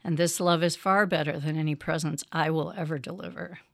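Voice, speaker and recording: A woman reading the part of a kindly old Santa Claus, telling a story to forest animals with warm patience. The voice sits low and the room is dry. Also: steady tone, a little fast, vocal fry, dry recording.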